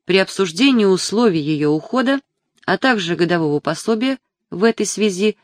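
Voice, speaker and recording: An audiobook narrator reading literary prose in a measured, even storytelling manner. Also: mid-range voice, dry recording, clean studio sound.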